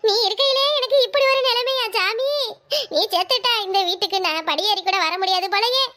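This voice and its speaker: A whiny, scheming young sister-in-law from a village cartoon comedy, voiced by a woman. Her voice is very high and bright, and she grumbles and wails over her troubles. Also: fairly quick. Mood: wailing. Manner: wailing, complaining village comedy lament.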